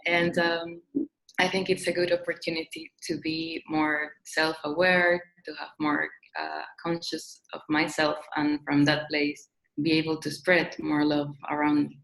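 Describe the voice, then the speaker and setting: Woman from Peru: lowish voice, flat intonation, affectionate. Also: unhurried, rough recording. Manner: affectionate, laughing lightly. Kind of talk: self-introduction on a video call. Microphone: video call.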